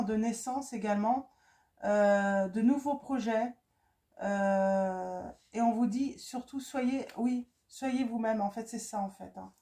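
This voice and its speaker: Female card reader, slightly high and warm, casual, hesitant, lots of repeats and fillers. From France. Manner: halting, with many fillers and repeated words. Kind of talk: casual spoken card reading.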